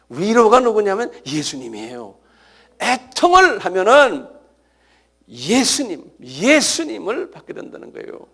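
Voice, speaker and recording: A middle-aged man preaching a sermon as pastor, animated, breaking into sudden cries and calling out to his congregation for a response. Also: sits high.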